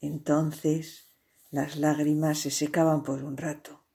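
A woman reading a children's story aloud in an expressive, playful way, with sound effects. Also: deep voice, takes it slowly, slightly rough.

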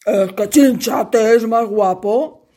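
A woman voicing a stern old king who scolds loudly. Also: fairly high pitch, slow, voice pushed up. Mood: scolding. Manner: loud and scolding.

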